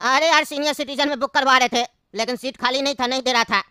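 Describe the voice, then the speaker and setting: A woman's voice: high-pitched, steady tone, quick pace, bright, forceful tone, clean tone, no room sound, clean studio sound. A woman voicing a fussy elderly man on a train, complaining and pleading in a cartoon comedy.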